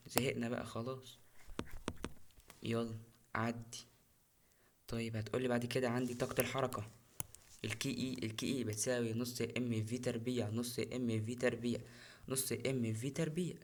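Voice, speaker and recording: A man's voice: medium pitch, flat delivery, normal speed, long pauses, a little hiss or hum. A young man with an Egyptian Arabic accent, tutoring physics for an exam in a casual, chatty way and repeating key terms. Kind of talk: recorded exam-prep lesson.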